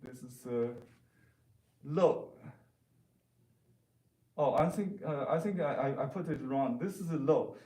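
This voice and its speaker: In an indoor classroom, a painting teacher who is a native speaker gives a casual lesson in a fairly high, darkish voice. His speech is slow and hesitant as he frequently hunts for the right word. Clear room echo is audible, and he seems a bit distant from the microphone.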